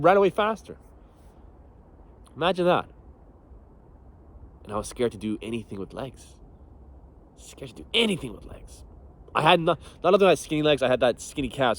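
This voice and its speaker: A young man, a fitness coach, talking casually and bluntly about training, swearing often and laughing as he tells stories. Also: mid-range voice. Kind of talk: casual motivational talk.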